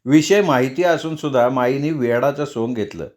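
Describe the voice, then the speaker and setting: A man narrating a village audiobook story in a measured, expressive way. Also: mid-range voice.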